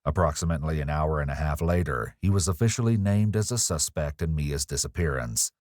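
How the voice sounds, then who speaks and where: A man reading a scripted true-crime narration in a measured, ominous way. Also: a bass voice, darkish tone, no echo. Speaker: documentary narrator.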